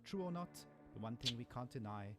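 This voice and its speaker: An actor playing a male pirate radio DJ in a game trailer, giving the news in smooth rhyming patter as a pirate radio broadcast. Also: medium pitch, lively intonation, brisk. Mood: laid-back. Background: loud trailer music.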